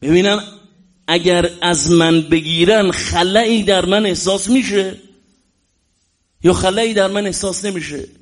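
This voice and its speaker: Emphatic male preacher, high-ish voice. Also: fairly even intonation. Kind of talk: religious sermon.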